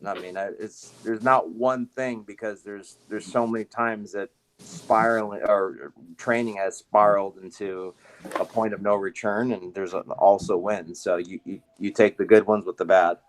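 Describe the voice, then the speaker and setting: A dog trainer with a fairly low voice tells his field stories in a loose, rambling way, stopping for ums and starting his sentences over. He talks like a guest in a casual chat. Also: moderate pace, a little hiss or hum. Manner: relaxed, rambling, many fillers and restarts. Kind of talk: casual podcast storytelling.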